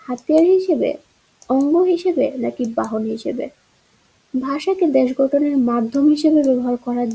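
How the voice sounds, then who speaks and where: Female teacher, high pitch, soft dark timbre, explains answers step by step. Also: slightly rough, rough recording. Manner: explains answer choices, asks rhetorical checks. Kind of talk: exam-prep grammar lesson.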